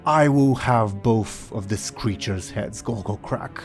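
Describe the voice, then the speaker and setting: A man doing a menacing pit lord in a fantasy tabletop game. He speaks slowly and with contempt, his voice dropped a little lower. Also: music in the background. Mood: scornful. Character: scornful, menacing male pit lord demon.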